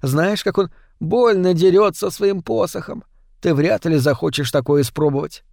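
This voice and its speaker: A man's voice: high voice, moderate pace, vocal fry, a little mellow, no echo, clean studio sound, pitched above the performer's own voice. A man voicing a timid, sad male rat creature in an audiobook, meek and stammering. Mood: gloomy.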